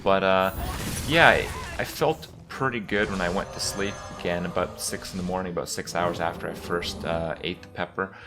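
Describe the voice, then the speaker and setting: Male gaming host, deep voice, casual and rambling, halting delivery. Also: music in the background. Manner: halting, rambling, with many pauses and repeats. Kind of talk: casual retrospective commentary.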